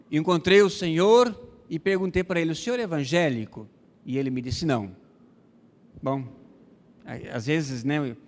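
A man from Brazil, a missionary pastor, telling a testimony in a sermon, acting out the dialogue with many pauses and fillers. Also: fairly high pitch, in a large hall.

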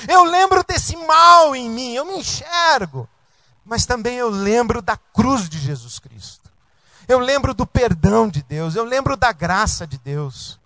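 A man's voice: very high-pitched, expressive, measured pace, bright, forceful tone, dry recording. A man preaching a sermon as pastor, in an emphatic, repetitive cadence.

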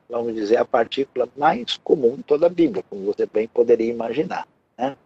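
A man's voice: medium pitch, mellow, slightly rough, dull audio. A man with a Brazilian Portuguese accent teaching a Hebrew lesson, patiently explaining step by step and often checking in with the listener.

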